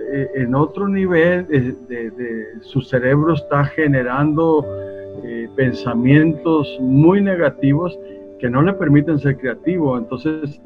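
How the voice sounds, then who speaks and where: A man calling into a talk show as a guest commentator, heard over a thin, phone-like line. He explains his points thoughtfully and hesitates often. Music plays clearly behind him. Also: medium pitch.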